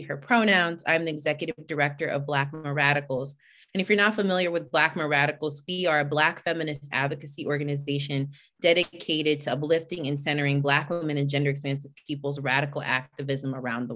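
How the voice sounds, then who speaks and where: Low-voiced woman hosting a video call. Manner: warm, chatty greetings, reading names from the chat. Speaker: host and executive director. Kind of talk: casual welcome and introduction on a video call.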